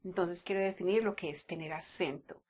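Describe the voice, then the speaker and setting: A woman's voice: on the low side, fairly quick, darkish tone, breathy edge. A woman from Medellín with a paisa Colombian accent, explaining a language topic in a conversational way and sometimes repeating words as she thinks. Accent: Colombian Spanish, Medellín (paisa). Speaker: language teacher. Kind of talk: talking to camera, explaining. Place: United States.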